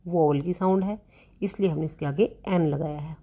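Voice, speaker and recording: A woman teaching a grammar lesson to students, explaining slowly and asking questions she then answers herself. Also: deep voice, warm tone. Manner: slow, explanatory, asks questions and answers them; addresses students as beta.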